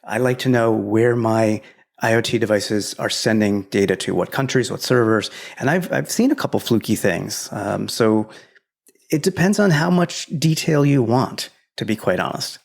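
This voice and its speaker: A man co-hosting a tech podcast, explaining product choices in a relaxed, opinionated way. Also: lowish voice, normal speed, vocal fry. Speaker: podcast co-host. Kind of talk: casual tech advice chat.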